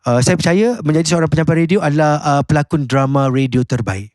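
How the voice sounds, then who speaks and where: A man in his forties from Perak, a radio presenter, talking as a guest in an interview in a measured, reflective way with many pauses of "ah". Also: a little high, noisy background. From Perak, Malaysia. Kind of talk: conversational interview.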